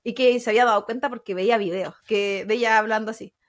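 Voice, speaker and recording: A woman's voice: a little high, fast. A woman with a Chilean accent co-hosting a podcast, chatting casually and laughing often as she tells stories. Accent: Chilean Spanish. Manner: laughs often, animated storytelling. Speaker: podcast co-host. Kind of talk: casual chat.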